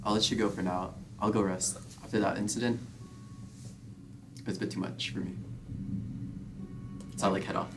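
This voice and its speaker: Slow, deliberate man playing a character. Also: fairly low pitch, fairly even intonation, background noise. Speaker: player. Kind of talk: in-character tabletop roleplay.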